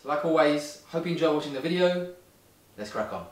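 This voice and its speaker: A man hosting a home cooking video, giving clear step-by-step instructions and tasting the dish in his kitchen. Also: a little high, expressive, brisk. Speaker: cooking show host. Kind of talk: recipe narration and tasting. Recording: background music under voice.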